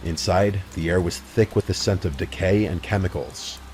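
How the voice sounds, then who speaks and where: A man narrating a horror story in a measured, brooding scripted delivery. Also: deep voice, a little mellow, a little hiss or hum.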